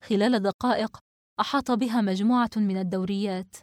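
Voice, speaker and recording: A woman narrating a novel as an audiobook, in a steady, even storytelling manner. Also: mid-range voice, quick pace, dry recording, studio quality.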